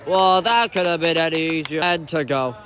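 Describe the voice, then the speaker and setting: A man giving excitable sideline commentary on a youth soccer match, groaning and shouting as plays unfold. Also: on the high side, moderate pace, a faint crowd, a little hiss or hum. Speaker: amateur commentator.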